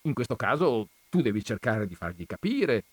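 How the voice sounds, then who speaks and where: Brief: male reader as Christ on the cross, stern but patient, lively emphatic scolding, storybook. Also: medium pitch, normal speed, husky, no room sound. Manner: admonishing, raised and emphatic. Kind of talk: dramatized audiobook reading.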